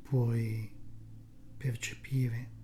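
A very slow, soft spa whisper leads a guided meditation. The delivery is even and mellow, breathy and soothing, with long pauses between short phrases. Gentle music plays behind. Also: mid-range voice.

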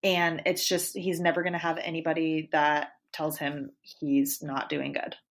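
Here a woman co-hosts a podcast in a low voice, speaking a little slowly. She talks casually about a reality show, animatedly acting out lines from it.

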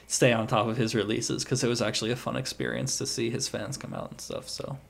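A man's voice: mid-range voice, flat delivery, brisk, gravelly. A man co-hosting a podcast in casual chat, rambling and peppering his talk with "like". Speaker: podcast co-host.

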